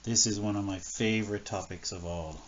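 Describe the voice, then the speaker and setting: A man's voice: lowish voice, fairly even intonation, moderate pace. A man teaching a recorded maths lesson, thinking aloud as he works examples and often correcting himself. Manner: thinks aloud, many fillers and self-corrections. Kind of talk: recorded classroom lesson, working examples on screen. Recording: dull lo-fi screen recording with faint noise.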